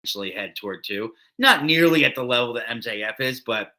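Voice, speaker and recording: A man's voice: medium pitch, lively intonation, a little fast, bright, forceful tone. A man co-hosting a wrestling recap show, chatting casually and rambling with many fillers and restarts. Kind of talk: casual podcast chat.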